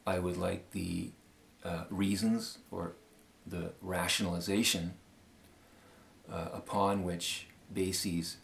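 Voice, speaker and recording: A Canadian man in his fifties giving a formal, measured appeal statement with many pauses and fillers. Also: sits low, gravelly. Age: 50s. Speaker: law school applicant.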